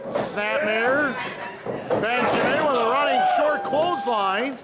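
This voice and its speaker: A man calling lucha libre wrestling as play-by-play announcer, in dramatic, excited phrases. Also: extremely high pitch, slow pace. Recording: loud crowd noise behind the voice. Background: noisy wrestling arena crowd.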